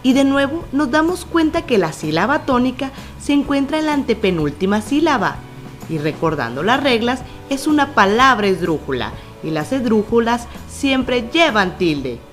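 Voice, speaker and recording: Lively, high-voiced woman teaching grammar. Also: soft background music. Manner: slow, stretched spelling-out of example words. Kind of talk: scripted lesson narration.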